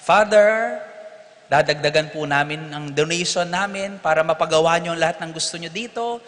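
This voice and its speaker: A man's voice: on the high side, normal speed, fairly bright tone, natural voice. A man voicing a polite factory owner coaxing a priest with money offers, in an echoey church. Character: smooth-talking male factory owner offering bribes.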